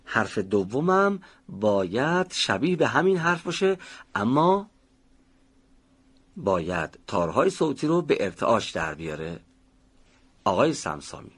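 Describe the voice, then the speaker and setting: A man teaching a televised pronunciation lesson, patiently explaining step by step and slowly demonstrating each sound. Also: medium pitch, big pitch swings, fairly bright tone, slightly rough.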